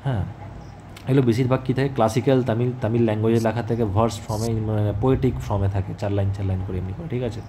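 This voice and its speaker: A man's voice: fairly low pitch, steady tone, fast, dark tone, slight background noise. Man teaching with frequent check-ins. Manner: conversational, repeats "ঠিক আছে?" as a check-in, many fillers. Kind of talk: exam-prep history lesson.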